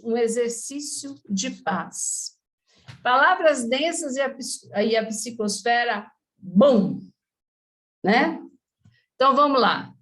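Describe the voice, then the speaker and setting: A woman's voice: on the high side, a bit bright. A woman giving an informal spiritist lecture in Brazilian Portuguese, chatty, with frequent asides to her listeners.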